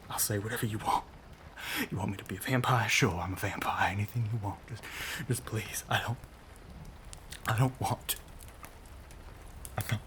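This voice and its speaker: In an intimate audio roleplay, a man plays a lonely, brooding Southern gentleman vampire, speaking with a Southern US accent and genteel, old-fashioned phrasing. His voice is on the low side, breathy and whispery.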